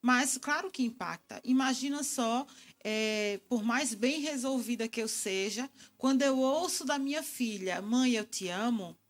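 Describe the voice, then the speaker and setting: A middle-aged woman answering interview questions in a calm, reflective, explanatory way. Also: high-pitched, measured pace. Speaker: guest communication expert.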